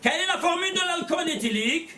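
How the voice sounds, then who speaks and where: High-voiced rabbi lecturing in an echoey room. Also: male voice, fast talker, far from the mic, a little hiss or hum. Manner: animated, rhetorical questions, repeats words, blunt asides. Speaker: rabbi teaching a class. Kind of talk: lively religious lecture to a small class. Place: classroom with students.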